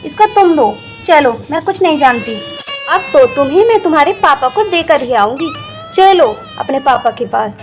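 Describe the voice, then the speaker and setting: A woman's voice: high voice, animated, moderate pace, slight background noise. A woman voicing a tired, chatty young aunt in a doll story, complaining as she talks. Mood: fed up. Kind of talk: doll story role-play.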